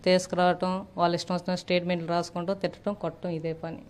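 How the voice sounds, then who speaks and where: Fast-talking aggrieved woman interviewee. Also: lowish voice, little pitch movement, crowd noise. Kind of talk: interview complaint.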